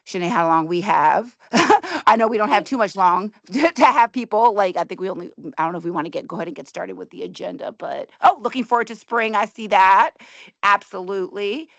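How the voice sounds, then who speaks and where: A woman's voice: medium pitch, fairly quick, creaky, a bit bright, no echo, muffled recording. A woman leading an online meeting while driving. She chats casually, laughs often and makes fun of herself. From Washington, D.C. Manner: chatty, laughing often, self-mocking. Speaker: meeting facilitator. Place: in a car, driving. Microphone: video call.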